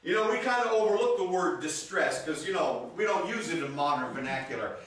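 A man's voice: fairly high pitch, animated, a little fast, a bit bright. A man preaching a sermon as pastor, reading scripture aloud and calling out to his congregation in a church. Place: church sanctuary. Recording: echoey church room, voice from a distance.

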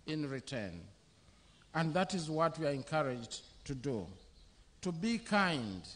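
Under an open-air canopy at an outdoor covered church venue, a middle-aged Zambian bishop preaches into a podium microphone. His voice is a bit bright and sits somewhat high for a man. He delivers the sermon very slowly, one short phrase at a time.

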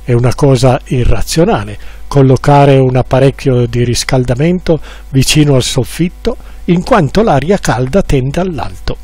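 A man's voice: mid-range voice, darkish tone, husky, dry recording. A man narrating a humorous literary story with dry irony, now and then acting out the quoted lines.

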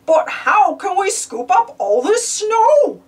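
A woman's voice: very high voice, sing-song, slow pace, recorded from a distance, heavily acted. A woman voicing a good-natured, puzzled male cartoon dog in a children's storybook, simple and goofy.

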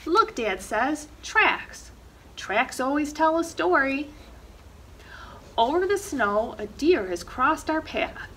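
Seated in an indoor library reading corner, a middle-aged woman librarian reads a children's picture book aloud at storytime. Her voice sits high, fairly bright and sing-song at a slow pace, with expressive, dramatic emphasis on action words and slight background noise.

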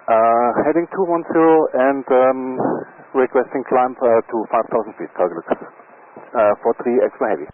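A man's voice: mid-range voice, moderate pace. A man, a cargo pilot, making hesitant radio calls from his cockpit headset, full of fillers and clipped phrasing. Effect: radio transmission from a cockpit headset. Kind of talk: radio calls to air traffic control. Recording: tinny radio band with faint static.

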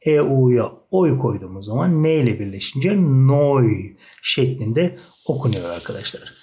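A man teaching a German lesson, patiently explaining and repeating each example word slowly. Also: medium pitch, expressive, warm tone. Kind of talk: online language lesson.

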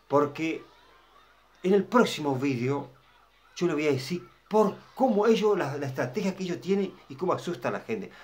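A man's voice: on the high side, lively intonation, normal speed. A man telling viewers a personal story. He rambles, repeats himself and keeps asking whether they follow. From Argentina. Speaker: channel host.

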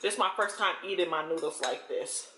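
A woman's voice: lowish voice, lively intonation, brisk, fairly bright tone, slight background noise. A young American woman hosting a casual eating show, chewing while she talks in broken phrases. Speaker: mukbang host and vlogger. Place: home kitchen, indoors. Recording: roomy kitchen echo. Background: cutlery and dish clinks.

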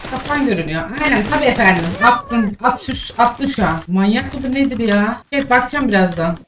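A woman's voice: on the high side, animated, brisk, a crowd in the background. A young woman streaming a mobile shooter, commenting live in exasperated, scolding remarks. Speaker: game streamer. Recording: distant mic with game noise.

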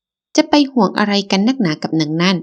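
A shrill, spiteful ex-wife who sneers at every word, as a woman reader puts her on. The voice jumps up high and sharp on her jabs. It sits in a calm storybook reading. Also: brisk, close to an everyday voice. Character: shrill spiteful middle-aged scheming ex-wife. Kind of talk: audiobook character reading.

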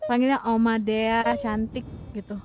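A woman roleplaying in a game, teasing and bossing the others. Her voice sits high. Casual, joking banter throughout. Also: little pitch movement, a little slow, background noise.

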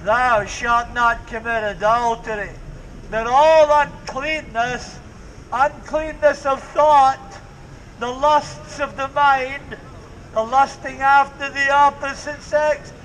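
A man's voice: extremely high pitch, fairly even intonation, slow pace, a bit bright, a little hiss or hum. An older man preaching outdoors in a market square, fervent and repetitive. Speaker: street preacher. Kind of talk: open-air street preaching. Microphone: distant camera, preacher with handheld mic and speaker. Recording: open-air sound from a distance.

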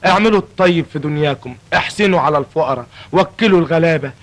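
A put-upon young clerk in a classic film comedy, as an actor plays him, talking in a high, quick Egyptian voice. He rattles off comic patter and then turns preachy, scolding everyone around him. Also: natural voice, low-quality recording. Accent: Egyptian Arabic.

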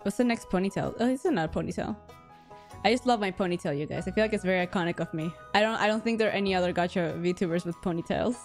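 A woman streaming a game live, chatting casually with her viewers in a bubbly, talkative way, her voice a little raspy and hoarse from getting sick. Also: fairly low pitch, quick pace, faint music behind. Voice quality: slightly raspy. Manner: bubbly and chatty, with frequent laughs and gasps. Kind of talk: casual live-stream chat, reading chat aloud.

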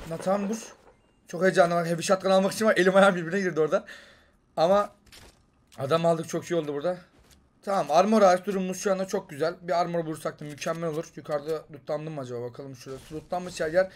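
Excitable young Turkish gamer. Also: male voice, on the high side. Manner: excitable, jumps between loud outbursts and muttering. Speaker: gaming YouTuber. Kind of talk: excited gameplay commentary.

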